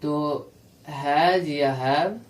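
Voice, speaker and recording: A male English teacher giving a classroom lecture, explaining grammar rules step by step and repeating each example slowly. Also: on the high side. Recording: echoey room, voice from a distance.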